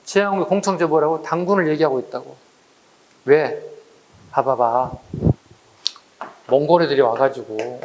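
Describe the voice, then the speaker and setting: A middle-aged male lecturer with a slightly raised voice, teaching an exam-prep class. He talks in a lively, blunt way and keeps throwing rhetorical questions at his students. He slips into slangy little voices to act out quarrels. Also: fairly high pitch. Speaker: history lecturer.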